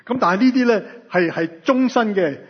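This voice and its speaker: A man's voice: high-pitched, normal speed, slightly rough. A man with a Hong Kong Cantonese accent preaching in short phrases for an interpreter, colloquial and full of rhetorical questions. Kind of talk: sermon delivered phrase by phrase for an interpreter. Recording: dull, reverberant hall sound.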